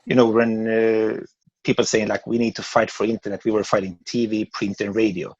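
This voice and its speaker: Speaking a little fast in a level, darkish, lowish voice, a Swedish-accented man in his forties from Sweden chats casually as a podcast guest. He rambles and often restarts his words. The recording is dry and sounds dull.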